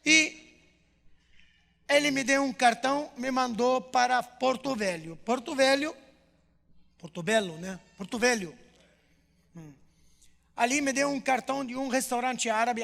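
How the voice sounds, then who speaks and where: A male pastor telling his testimony to a church, animated storytelling with acted dialogue. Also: very high voice, a little slow, creaky, long pauses. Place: church hall. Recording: long reverb of church hall.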